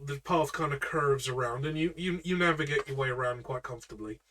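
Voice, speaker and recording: Bright-voiced man running a tabletop game. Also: medium pitch, quick pace, far from the mic. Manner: chatty, with frequent fillers and self-corrections. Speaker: game master.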